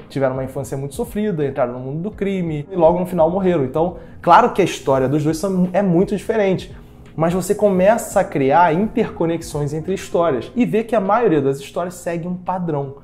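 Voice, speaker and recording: Um jovem brasileiro com sotaque brasileiro, apresentando um vídeo explicativo e falando direto com o espectador, em tom de conversa. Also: male voice, high-pitched, fairly quick, a little mellow, soft background music. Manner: conversational, speaks directly to viewer. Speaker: educational video host. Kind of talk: explanatory video talk.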